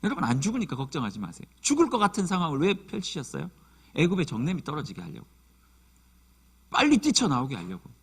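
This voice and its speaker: A man's voice: on the high side, huge pitch swings, quick pace, fairly bright tone, breathy edge. A man in his thirties preaching a sermon as a youth pastor, telling the story vividly and acting out the quotes.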